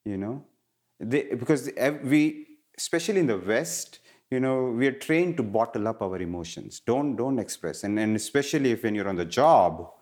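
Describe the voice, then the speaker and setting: Middle-aged guy from india, earnest and animated, lots of little restarts, mid-pitch voice. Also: normal speed. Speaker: guest, wellness educator. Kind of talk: casual interview conversation.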